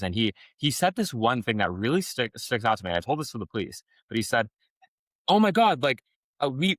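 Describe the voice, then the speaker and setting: A man's voice: sits low, fairly bright tone, dry recording. A man speaking as a podcast guest, telling a personal story frankly in a rambling way, with many restarts. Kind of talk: personal testimony in an interview.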